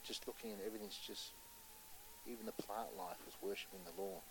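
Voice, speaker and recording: Impassioned male preacher, loud then hushed. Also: lowish voice, fairly even intonation, fairly quick, slight background noise, rough recording. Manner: impassioned, swinging between loud urgency and hushed storytelling; asks the audience rhetorical questions. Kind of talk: sermon.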